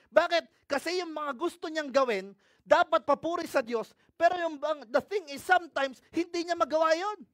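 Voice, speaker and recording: Filipino man, pastor giving a sermon, high-pitched, swings loud to hushed. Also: moderate pace, no room sound, studio quality. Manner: animated, swings between loud and hushed, asks the congregation questions. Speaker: preacher. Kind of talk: Taglish sermon, reading scripture aloud.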